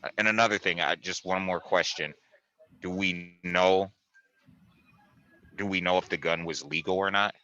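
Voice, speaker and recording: A man with an extremely low but very bright, forceful voice co-hosts a casual analytical talk show. He is deliberate, circling back to qualify his points and checking in as he goes. The sound is dry and close. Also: steady tone, no room sound, lo-fi sound. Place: at work, speaking through a mask.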